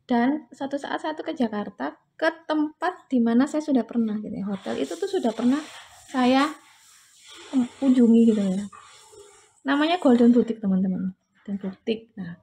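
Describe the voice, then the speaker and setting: A woman's voice: a little high, vocal fry, a little mellow, slight background noise. A woman casually telling travel stories to her viewers while dyeing her hair, acting out both sides of each conversation. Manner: chatty, addresses viewers as friends, acts out dialogue. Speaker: vlogger.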